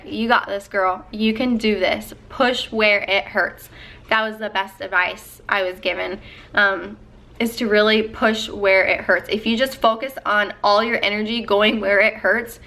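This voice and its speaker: A woman's voice: medium pitch, bright, forceful tone. A young woman vlogger talking casually and earnestly as she gives advice, with lots of ums and likes. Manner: earnest, chatty, many fillers.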